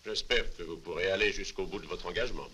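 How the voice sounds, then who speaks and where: A man's voice: low-pitched, fast talker, sharp tone, a little hiss or hum. A man playing a confident army captain in a dubbed adventure film, with a clipped, authoritative way of speaking. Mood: composed, assured. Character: confident, resolute army captain addressing his men.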